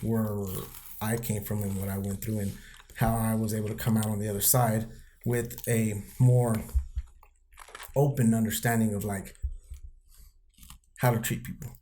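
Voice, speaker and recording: A man's voice: fairly low pitch, level tone, normal speed, long pauses, dark tone, slight background noise. A man in a casual podcast chat, telling candid stories laced with profanity and acting out what people said. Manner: acts out quoted people mid-story.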